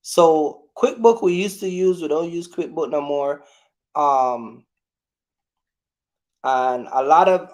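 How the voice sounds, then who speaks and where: A man with a slightly high, darkish voice hosts a casual livestream Q&A chat. He speaks haltingly and repetitively, often talking directly to his audience.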